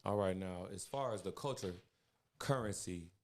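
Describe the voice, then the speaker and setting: A man's voice: low voice, moderate pace, slight background noise. A man hosting a casual podcast, hyped and slangy with lots of profanity. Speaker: podcast host.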